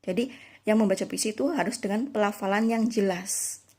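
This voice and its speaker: A woman's voice: medium pitch, a little fast, a little mellow, husky. A young woman from Indonesia, a teacher giving an online lesson, explaining step by step with fillers and restarts.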